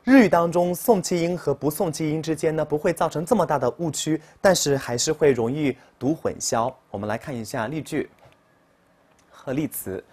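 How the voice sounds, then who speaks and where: A man teaching a pronunciation lesson, explaining in Chinese and repeating each example word louder and higher. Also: a little fast. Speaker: Japanese teacher.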